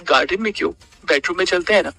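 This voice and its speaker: A man's voice: high-pitched, quick pace, bright, forceful tone, faint music behind, exaggerated voice. A man voicing a coy, scheming young woman. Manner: coy and sugary.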